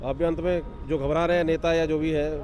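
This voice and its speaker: A male reporter puts questions to people on the street, nudging them along with short prompts. His voice sits a little high. Faint outdoor ambience lies behind him. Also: steady tone, fairly quick, darkish tone, slight background noise. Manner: prompting, frequent murmured agreement. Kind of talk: street interview.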